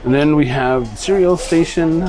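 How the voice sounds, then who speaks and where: A travel vlogger holds a camera as he wanders through a ship's indoor buffet restaurant, chatting in a relaxed, rambling way. His voice sits on the high side at a moderate pace, and the poor audio picks up crowd noise.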